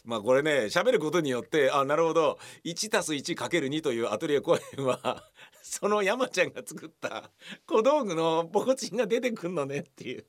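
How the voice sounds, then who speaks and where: A middle-aged man chats on his own radio show, and his voice sits a little high. His pitch swings a lot as he tells funny stories, and he often acts out the voices of the people in them. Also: brisk. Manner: animated storytelling, mimicking voices. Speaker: radio host. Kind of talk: casual radio chat.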